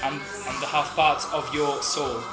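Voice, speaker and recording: A man's voice: medium pitch, level tone, a little slow. Man hosting a reaction show, roomy echo. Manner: explains and translates song lyrics for guests. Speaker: host. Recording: roomy echo with music behind.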